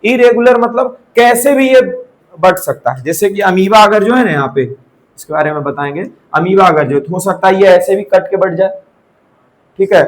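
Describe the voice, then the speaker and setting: A man's voice: high-pitched, rough recording. A young man giving a live classroom lecture in Hindi, mixing in English terms, asking and answering his own questions and checking in with students. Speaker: teacher.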